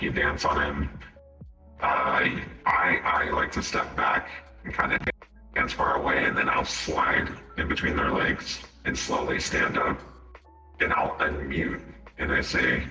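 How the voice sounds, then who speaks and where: A man with an extremely deep, voice-changed voice and a sharp, bright edge to it. He talks in a relaxed, laughing chat. The sound is roomy and echoing, set back from the mic. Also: recorded from a distance. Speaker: guest, VR dancer. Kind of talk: casual chat.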